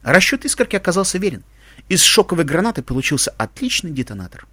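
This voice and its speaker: A man narrating a fan fiction story with expressive, dramatic storytelling. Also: high voice, fast, husky, dry recording. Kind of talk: audiobook fan fiction reading.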